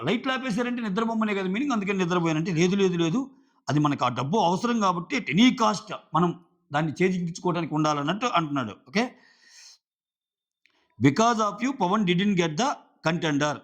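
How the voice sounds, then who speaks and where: Casual male reviewer, Telugu accent, high pitch, argumentative with rhetorical questions. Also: fairly bright tone. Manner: argumentative, asks rhetorical questions, paraphrases contestants' quotes. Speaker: reality show reviewer. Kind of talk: casual episode review commentary.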